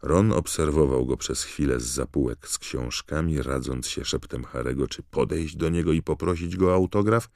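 A man reading an audiobook in measured storytelling narration. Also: low voice, vocal fry, darkish tone, no room sound, clean studio sound. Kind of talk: scripted narration.

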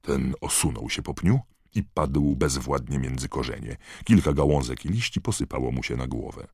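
Deep voiced guy reading an audiobook, steady and even, dry close mic. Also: moderate pace, slightly rough, no echo. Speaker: narrator. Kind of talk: audiobook narration.

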